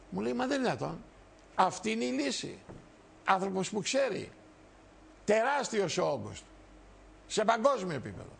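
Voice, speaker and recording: A gravelly older man in his sixties delivers a fervent televised political monologue, repeating his points for emphasis and addressing the viewers directly. His voice sits a little high for a man, with a faint hiss of noise behind it. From Greece. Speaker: TV show host and party leader.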